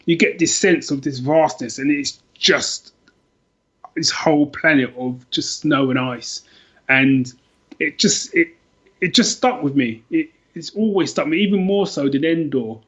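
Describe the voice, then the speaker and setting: This middle-aged podcast guest from London speaks unhurriedly in a fairly high, slightly bright, husky voice, with the recording's highs cut off. In casual chat he tells personal stories with enthusiasm, rambling and repeating himself a lot.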